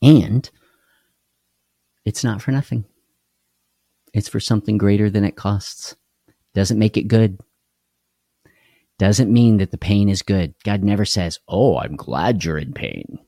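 A man's voice: fairly low pitch, fairly even intonation, measured pace, long pauses, mellow, no echo, studio quality. A man hosting a live devotional talk, speaking earnestly and candidly, often repeating key phrases for emphasis. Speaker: host of a live devotional show.

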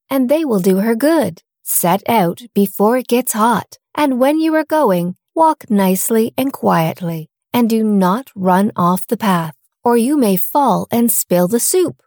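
A woman voicing a caring mother in a storybook reading, gently giving careful instructions. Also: on the high side, dry recording, clean studio sound. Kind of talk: storybook read-aloud.

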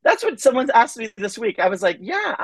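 A man telling his own story as a podcast guest in a casual, animated way, acting out quoted voices and often saying "like" and "um". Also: very high voice, fairly quick, no room sound, rough recording.

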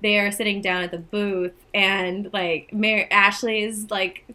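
A woman's voice: mid-range voice, little pitch movement, a little slow, sharp tone. A young woman co-hosting a podcast, chatting casually with frequent restarts and fillers. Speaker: podcast co-host. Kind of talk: casual chat.

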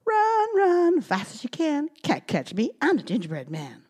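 A woman voicing a boastful little gingerbread boy who taunts in a high, sing-song voice. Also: huge pitch swings, a little slow, darkish tone, exaggerated voice. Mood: taunting.

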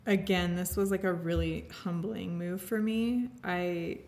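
A podcast guest shares her story in a conversational interview, speaking earnestly, openly and from the heart. Her voice is lowish, a little mellow and unhurried, with fairly even intonation, and she often restarts sentences and leans heavily on "like."

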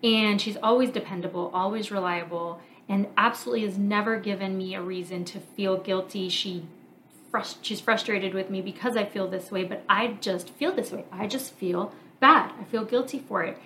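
A woman in her thirties talks through her own thoughts on her podcast, candid and reflective, pausing and restarting as she works things out. Her voice sits at an ordinary middle pitch. A faint hiss stays under the recording. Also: fairly even intonation, sharp tone. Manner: candid, reflective, thinking aloud with fillers. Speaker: podcast host, marriage coach and therapist. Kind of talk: casual personal monologue.

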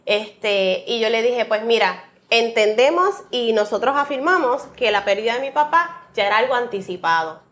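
A woman's voice: a little high, expressive, moderate pace, few pauses, a bit bright. A woman from Rico, sharing a heartfelt, faith-filled personal testimony as an interview guest. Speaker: guest, author.

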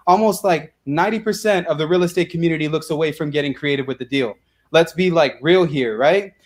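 Hyped, slangy young man, fairly high voice. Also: brisk. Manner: energetic, slangy, says bro and dude a lot. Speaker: guest, real estate investor. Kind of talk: casual interview talk.

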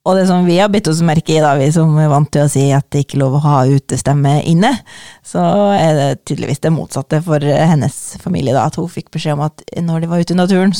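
A co-host in a casual book talk, speaking conversationally with quick asides. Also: mid-range voice, creaky, dark tone, no echo, studio quality.

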